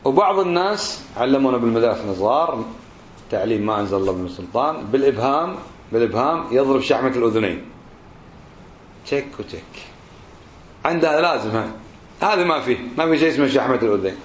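A man, a religious teacher giving a lesson on prayer. He asks his listeners rhetorical questions and stretches out phrases slowly to show how they should be said. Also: mid-range voice, expressive, a little hiss or hum. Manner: drawls out phrases slowly to demonstrate pronunciation. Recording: roomy, slightly dull recording.

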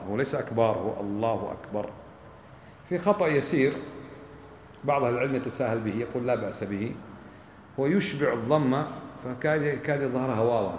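A man teaches a class on prayer, firing off questions to his listeners and answering them himself. He talks quickly, with a steady mid-range voice. The room echoes around him, with a faint hum behind. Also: mid-range voice. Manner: explains by asking and answering his own questions. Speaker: religious teacher. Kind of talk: classroom lesson on prayer rulings.

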